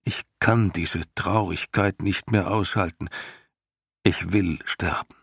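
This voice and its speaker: Sad storybook horse, slow and resigned, husky low voice, a man reading. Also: steady tone, a bit bright, dry recording, studio quality, exaggerated voice. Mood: hopeless. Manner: slow, heavy, resigned speech. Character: weary, hopeless male horse, sinking.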